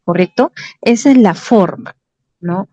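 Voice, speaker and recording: A woman's voice: mid-range voice, lively intonation, unhurried, mellow, lo-fi sound. A woman with a Peruvian Spanish accent teaching an academic writing lesson, patiently explaining and checking understanding with short tag questions. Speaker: lecturer.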